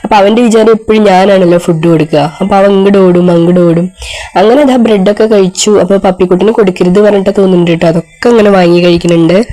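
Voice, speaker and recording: A woman's voice: medium pitch, fairly even intonation, racing, mellow. A woman narrating a casual pet vlog, her voice congested from a cold, chatty and often tagging sentences with "you know". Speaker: pet vlogger.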